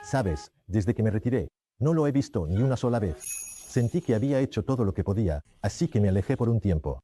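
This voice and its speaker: A man in his fifties, a show host and former rugby player, reminiscing in relaxed conversation and often correcting himself as he goes. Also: fairly low pitch, brisk, faint music behind.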